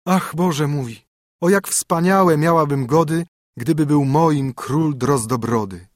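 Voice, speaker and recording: A man's voice: on the high side, slow, dry recording, clean studio sound, voice pushed up. A man playing a haughty, mocking young princess. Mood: wistful. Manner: sing-song, scornful rhyming.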